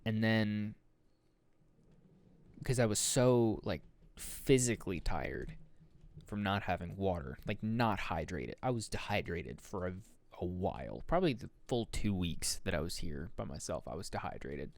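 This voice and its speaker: A man's voice: low-pitched, animated, measured pace, vocal fry, dry recording. A young man hosting a solo podcast, rambling loosely through a casual monologue, swearing often and correcting himself as he goes. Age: young adult. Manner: rambling, loose and profane, with many fillers and self-corrections. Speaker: podcast host.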